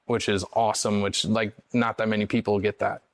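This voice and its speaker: A man's voice: fairly low pitch, level tone, a little fast, dry recording. A young man from St. Louis, an executive chef talking casually and enthusiastically as a podcast guest. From St. Louis, United States. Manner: laid-back, slangy, enthusiastic.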